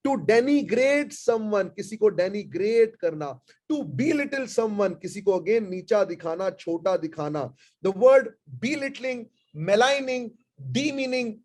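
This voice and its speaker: A man with an Indian English accent teaching vocabulary in a live online class, mixing Hindi and English and repeating key words slowly so they can be noted down. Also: high-pitched, darkish tone.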